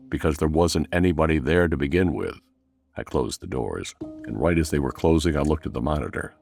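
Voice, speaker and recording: A man tells a first-person horror story with measured, tense pacing. His voice sits extremely low and has a gravelly fry to it. Faint music plays underneath.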